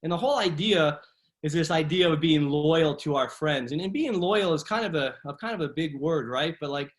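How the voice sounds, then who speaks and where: A man's voice: on the high side, expressive, moderate pace. Encouraging male kids' martial arts coach. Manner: encouraging, casual, often ends phrases with "right?". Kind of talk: upbeat class coaching and discussion. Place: online video class run from home.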